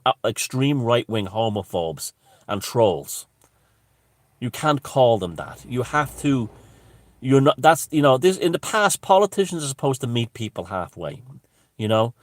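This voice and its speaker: A man's voice: medium pitch, dry recording, studio quality. An Irish man giving an unscripted, opinionated monologue, speaking emphatically with swearing and broken restarts. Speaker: commentator.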